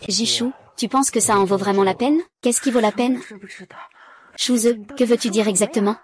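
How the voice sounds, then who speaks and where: A woman reading all the parts of a dubbed drama recap in one flat, even voice. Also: fairly high pitch, normal speed.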